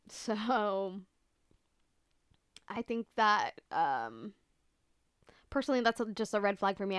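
A young woman chats alone into the mic like a podcast host, in a dry, close recording with no room sound. Her pitch sits in the middle for a woman. She talks in loose, slangy, profane sentences full of filler words and leans hard on exaggerated emphasis. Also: clean tone, dry recording. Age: young adult. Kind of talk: casual solo chatty monologue.

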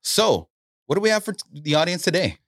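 A man's voice: fairly quick, no room sound, clean studio sound. A man co-hosting a podcast, chatting casually and asking the guest playful questions. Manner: playful, asks questions with lively rising pitch. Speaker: podcast co-host.

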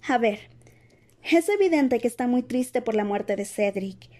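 Woman doing a smart bossy schoolgirl, raised pitch, earnest, lecturing patiently in an audiobook. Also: expressive, unhurried, mellow. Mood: explaining. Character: clever bossy teenage schoolgirl. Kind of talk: dramatized audiobook reading.

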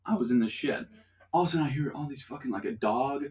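A young man in a relaxed podcast chat tells a long, swearing-filled story with lots of laughter. His voice sits at an ordinary middle pitch, loose and informal. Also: quick pace. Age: young adult. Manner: profane, animated storyteller who laughs often. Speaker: podcast host.

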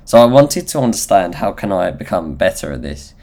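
Low-pitched nasal Essex man. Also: sing-song, a little fast, a little mellow. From Essex, England. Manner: candid, self-deprecating, sweary. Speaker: podcast host. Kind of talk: solo motivational podcast talk, informal.

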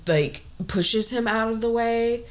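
A woman's voice: a little high, slow pace. A woman co-hosting a casual podcast, recapping a film with lots of laughter and acted-out lines. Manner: animated, laughs often, acts out characters' lines. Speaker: podcast co-host.

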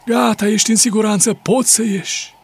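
[name], a man playing a calm wise inventor. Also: high voice, lightly acted. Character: wise male inventor hero, calm and kind. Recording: hiss under the voice.

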